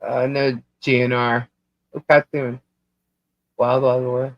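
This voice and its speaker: A woman's voice: extremely low pitch, flat delivery, slow pace, no room sound. A woman from Long Island hosting a live stream in casual chat, rambling and laughing, her voice cutting out over a bad internet connection. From Long Island, New York. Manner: chatty, rambling, laughs often. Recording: dull, dry, lo-fi stream audio.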